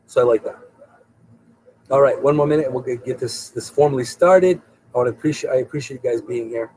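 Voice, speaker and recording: A man's voice: mid-range voice, fast, darkish tone, a little hiss or hum, rough recording. A middle-aged man hosting a live show in a casual, rambling way, often repeating his words. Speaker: host. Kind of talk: casual live-stream talk.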